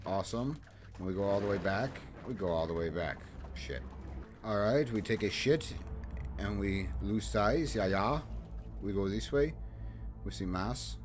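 On his own gameplay video, a gaming video host gives crude, joking, rambling play-by-play commentary in a lowish voice with lively intonation and a measured pace. Loud game music sits behind his voice, along with sound effects.

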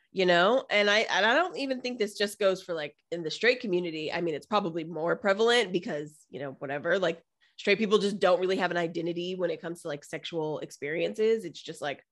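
A woman co-hosting a casual podcast, candid and quick to giggle. Her pitch swings widely from phrase to phrase, and her sentences are packed with "you know" and "like.". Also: lively intonation. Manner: frank, giggly, heavy use of "you know" and "like". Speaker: podcast co-host.

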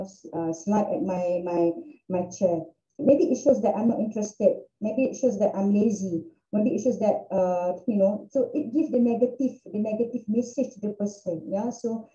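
Chatty Malaysian woman lecturer, fairly high voice, video-call mic. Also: mellow, dull audio. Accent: Malaysian English. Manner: chatty, frequent "you know" fillers. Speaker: guest lecturer. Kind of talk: online webinar lecture. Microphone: computer on a video call.

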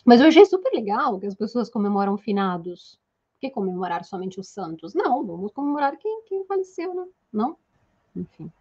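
A woman's voice: medium pitch, very animated, a little fast, darkish tone, breathy edge. A young woman from Italy with an Italian accent, giving a playful, casual language lesson and laughing often. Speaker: Italian teacher. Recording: slightly dull lo-fi sound.

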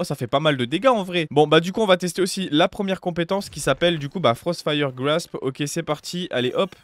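A man's voice: on the high side, a bit bright. A young man giving casual, upbeat gameplay commentary, chatty and full of fillers, as a gaming youtuber at home on a close desk mic.

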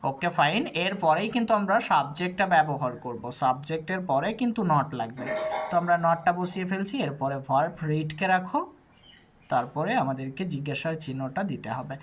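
A patient tutor giving a scripted English lesson, building each sentence step by step and saying the examples slowly. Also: mid-range voice, animated, background noise. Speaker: English teacher.

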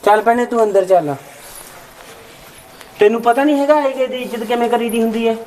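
A man's voice: extremely high pitch, fairly quick, a little mellow, a little hiss or hum, poor audio. A man playing a firm, protective brother. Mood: reproachful. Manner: insistent, reproachful. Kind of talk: amateur short-film acting.

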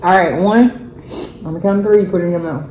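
A vlogger in a casual couple's challenge video counts down and cheers her partner on again and again, coaxing him along. She talks fast in a lowish, dark voice, and the recording is roomy with cut-off highs and slight background noise.

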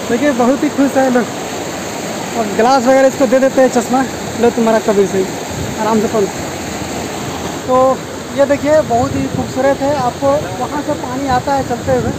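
Chatty man vlogging at a waterfall. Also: very high-pitched. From India. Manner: chatty, showing viewers around. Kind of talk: travel vlog narration. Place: outdoors at a waterfall. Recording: outdoor noise, rushing water.

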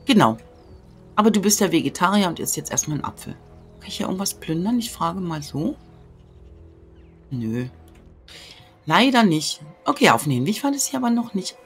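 Plaudernde Let's-Play-Spielerin mit deutschem Akzent. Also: female voice, lowish voice, very animated, normal speed, long pauses. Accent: German. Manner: chatty, often drops into whispers. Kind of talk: casual gameplay commentary. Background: game music.

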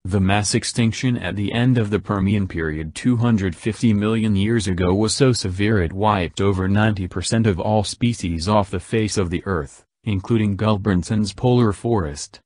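A man's voice: fairly low pitch, moderate pace, few pauses, a little mellow, no echo, clean studio sound. A man reading a scripted science news report formally, in the manner of a nature documentary narration. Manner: reads formally from a written article.

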